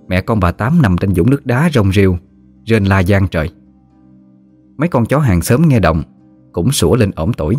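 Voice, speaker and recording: A man with a Southern Vietnamese accent tells a story in a lively, slangy, teasing manner. His voice sits on the low side, and soft background music plays beneath him. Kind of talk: colloquial story narration. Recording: faint music behind.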